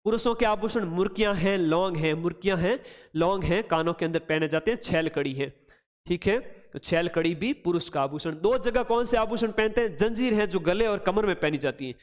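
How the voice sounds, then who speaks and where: A man with a high voice teaches an online exam-prep lesson and greets viewers by name. He turns each list into a playful memory trick. His voice carries a long reverb. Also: a little fast.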